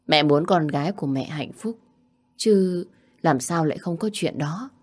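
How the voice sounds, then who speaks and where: A woman voicing a caring middle-aged mother with a calm, coaxing manner in a spoken story. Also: sits low, unhurried, husky, exaggerated voice.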